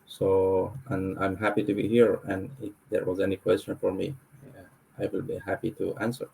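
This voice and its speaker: A man's voice: sits low, monotone, normal speed, creaky, mellow, a little hiss or hum, poor audio. A young man who grew up in Iran, a student panelist, speaking hesitantly with many fillers. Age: young adult.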